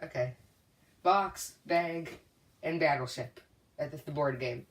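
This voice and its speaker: A woman co-hosting a casual storytelling game, hesitant and halting, with many uhs and restarts. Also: low-pitched, echoey room, distant mic, a little hiss or hum. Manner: hesitant, full of uhs and restarts, laughs easily. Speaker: co-host.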